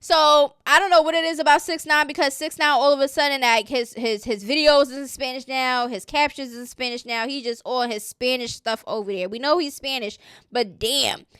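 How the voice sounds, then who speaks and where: A woman's voice: high voice, steady tone, a little fast, fairly bright tone, smooth, no echo, clean studio sound. A woman from New City, talking through celebrity gossip in a chatty, opinionated way that keeps tagging "okay?". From New York City. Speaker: gossip commentary host. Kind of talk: casual celebrity gossip commentary.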